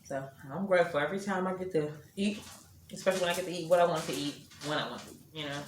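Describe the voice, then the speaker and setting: A woman's voice: fairly low pitch, very fast. A middle-aged woman vlogging a meal at home, chatting casually to viewers and murmuring as she chews. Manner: chatty, chewing and murmuring between sentences. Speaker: mukbang vlogger. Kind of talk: casual chat while eating. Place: indoors at home. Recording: echoey room with faint ambient noise.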